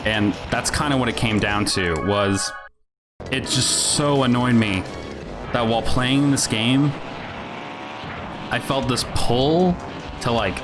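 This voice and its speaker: A man giving a casual, sweary gaming rant in a rambling, sardonic, grumpy-old-man grumble. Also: mid-range voice. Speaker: video game reviewer. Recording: music behind the voice. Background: music.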